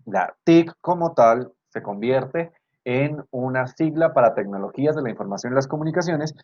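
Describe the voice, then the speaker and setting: A man's voice: mid-range voice, lively intonation, moderate pace, a little mellow. Man, Colombian Spanish accent, online tutor, didactic, repeats rules, slightly dull lo-fi video call audio. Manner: didactic, repeats points, asks for checks. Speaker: university tutor. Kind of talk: online class correcting student work. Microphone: video call computer mic.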